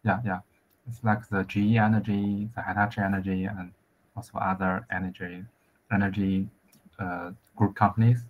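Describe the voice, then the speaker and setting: A man speaks in a low voice, feeling his way through each sentence with fillers and repeated words. The sound is dull and lo-fi, like a video call. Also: level tone. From central China. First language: Chinese. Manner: halting, many restarts and fillers. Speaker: engineer. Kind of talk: casual conversation practice.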